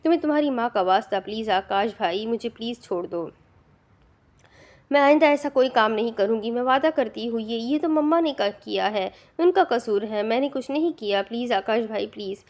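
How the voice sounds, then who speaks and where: This is a frightened young woman begging for mercy in a storybook reading, voiced by a woman narrator. Her pleas come out frantic and tearful. The voice is pitched slightly high. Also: expressive, darkish tone, close to an everyday voice. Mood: pleading.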